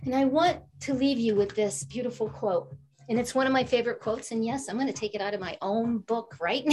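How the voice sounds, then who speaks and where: A woman's voice: a little high, a little mellow. A woman author speaking on a panel, giving an upbeat, inspirational motivational talk.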